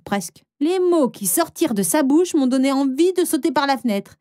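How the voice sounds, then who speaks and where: A woman narrating a first-person animated story as a dramatic, expressive teenage girl. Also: high voice, normal speed, no room sound, clean studio sound. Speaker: narrator and heroine.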